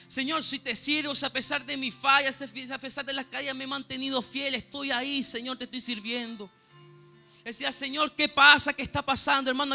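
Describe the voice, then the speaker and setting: Very high-pitched, creaky, bright and forceful, the voice belongs to a Venezuelan-accented church pianist giving a sermon. He tells his personal testimony earnestly and often pauses to ask his listeners "¿sabe, hermano?".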